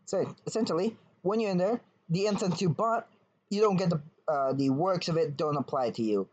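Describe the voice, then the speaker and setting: Swearing game master on lo-fi chat. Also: male voice, high-pitched, normal speed, a little mellow. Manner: casual, swears often, loose explanations. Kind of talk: explaining game rules over voice chat. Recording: dull lo-fi voice chat with faint noise.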